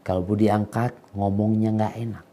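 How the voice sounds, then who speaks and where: A middle-aged man preaching a sermon, dropping to quiet low asides and rising to emphatic, slangy appeals. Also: level tone, moderate pace.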